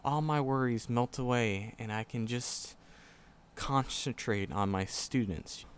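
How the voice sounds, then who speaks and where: Speaking slowly at a medium pitch, a man lightly acts the part of a timid magic professor in a roleplay audio drama, talking straight to the listener. Skittish and earnest, he stammers and repeats himself, coming across as bashful and sincere over a faint hiss or hum.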